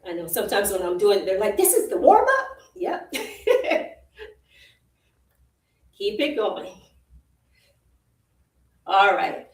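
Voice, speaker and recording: This Jamaican-accented fitness instructor has a medium-pitched voice that swoops wildly, and she takes her time, pausing often. Coaching a live virtual workout, she offers short encouraging cues over and over and laughs easily, recorded roomy and far from the mic.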